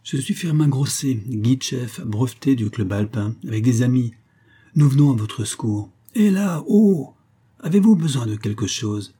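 A man's voice: fairly low pitch, steady tone, moderate pace, warm tone, breathy edge. A man voicing a confident adult male chief mountain guide in a read-aloud story, explaining things in a practical, reassuring way. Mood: calling out.

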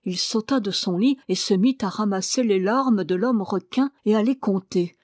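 A woman reading a fairy tale aloud in a calm, measured storytelling manner. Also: mid-range voice, no room sound, clean studio sound.

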